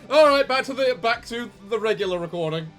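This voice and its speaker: A man's voice: very high-pitched, animated, a little fast, fairly bright tone, faint music behind. A man co-hosting a casual let's play, rambling along with a theatrical streak. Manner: rambling, theatrical sign-offs. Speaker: gaming channel co-host.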